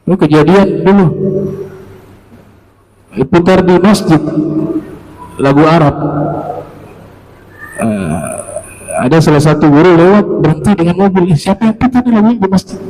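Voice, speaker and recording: A man giving an Islamic religious lecture, telling anecdotes with lively quoted voices. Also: on the high side, slight background noise. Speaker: preacher. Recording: long hall reverb.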